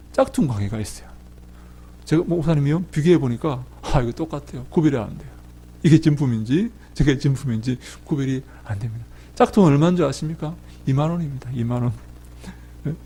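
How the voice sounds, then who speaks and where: Animated pastor preaching a sermon. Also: male voice, medium pitch, slightly rough. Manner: animated, swings from loud calls to soft asides; tells personal stories and jokes with the congregation. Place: church sanctuary.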